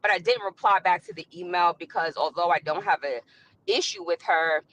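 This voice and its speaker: A woman's voice: lowish voice, a little fast, fairly bright tone, low-quality recording. Woman calling in from her car. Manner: rambling, with many "um"s. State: driving, speaking from a car. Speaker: caller on a live stream. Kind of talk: casual explaining.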